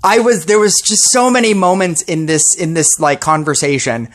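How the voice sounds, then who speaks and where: A woman's voice: on the low side, normal speed. A woman posting a ranting commentary video about a mobile game, sarcastic and exasperated.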